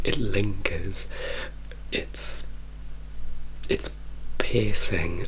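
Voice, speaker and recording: A man from Italy gives a soft-spoken ASMR ramble in a hushed, mostly whispered voice, unhurried and repeating words for emphasis. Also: low-pitched, low-quality recording. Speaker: ASMR creator telling personal stories.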